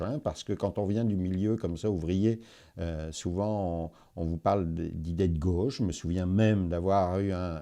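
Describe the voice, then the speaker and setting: Deep-voiced man with a northern French accent. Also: mellow. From France, Nord-Pas-de-Calais. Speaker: provincial politician. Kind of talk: personal self-introduction to viewers.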